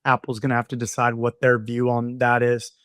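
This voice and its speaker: A man of ordinary pitch talks as a podcast guest with eager energy, stumbling over repeated words as his thoughts race ahead. His voice sits dry and close, with no room sound around it. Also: completely flat delivery, fairly quick, fairly bright tone, clean tone, no room sound. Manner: enthusiastic, repeats words as he restarts. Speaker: guest, design studio founder. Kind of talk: conversational podcast interview.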